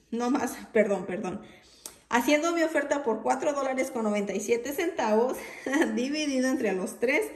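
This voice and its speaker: A woman vlogger with a higher-pitched voice, recorded with reverb, chats casually through a haul of store deals and coupons. She lists the prices step by step.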